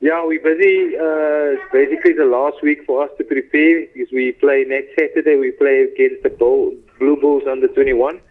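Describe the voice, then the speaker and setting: A man's voice: medium pitch, fairly even intonation, normal speed, hardly any pauses. A man, a rugby coach chatting casually in an interview over the phone. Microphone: telephone. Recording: tinny phone line.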